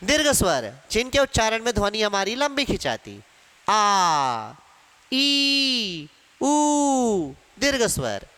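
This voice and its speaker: Bright-voiced teacher in an echoey hall. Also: male voice, sits high, clear, resonant tone. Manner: explains step by step, asks questions then answers them himself. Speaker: Hindi grammar teacher. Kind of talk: exam-prep classroom lecture.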